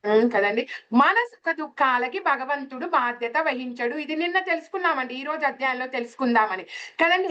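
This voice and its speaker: Woman teaching scripture with home stories, high bright voice, keeps asking the listeners, kinda dull lo-fi sound. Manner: asks the listeners questions with tag words. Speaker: spiritual teacher. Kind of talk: explaining scripture with everyday stories.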